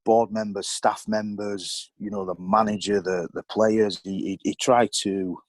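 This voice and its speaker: A man's voice: fairly low pitch, level tone, a little slow, no echo, rough recording. A middle-aged man, a former footballer and board member, candidly telling stories as a podcast guest, rambling with lots of ums and you knows.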